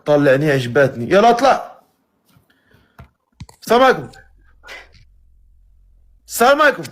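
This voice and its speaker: A man's voice: a little high, very animated, fairly bright tone. A man with a Moroccan accent hosting a casual live stream, teasing his callers. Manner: teasing, quick banter with callers.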